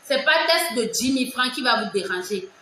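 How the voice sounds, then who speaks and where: A woman with a Togolese French accent, talking loudly and emphatically to her viewers in casual commentary, often repeating herself. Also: on the high side, animated, brisk, slight background noise. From Togo. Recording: very echoey room.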